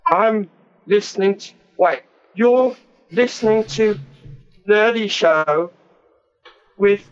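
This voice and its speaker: Man putting on a slow, high-pitched drunken villager. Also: highs cut off. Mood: tipsy, confused. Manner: halting, drawn-out delivery. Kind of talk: comic station ident.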